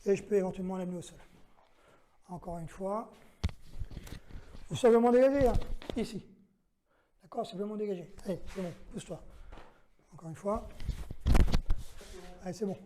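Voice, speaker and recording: There's slight background noise as a man with a high-pitched, mellow voice teaches self-defense at a moderate pace, leaving long pauses. He methodically counts each move, gives brief commands to a training partner, and asks "d'accord?" to check in.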